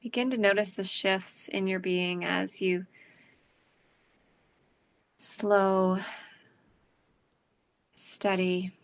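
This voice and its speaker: A woman guiding a meditation in a slow, calm, soothing way, pausing between phrases. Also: mid-range voice. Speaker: meditation guide. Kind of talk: guided meditation.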